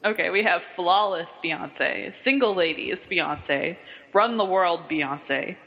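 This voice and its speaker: A man's voice: high-pitched, takes it slowly, creaky. A young man in his twenties from Kentucky, hosting a casual chat and laughing often between lines. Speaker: podcast host. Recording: muffled audio, long room reverb.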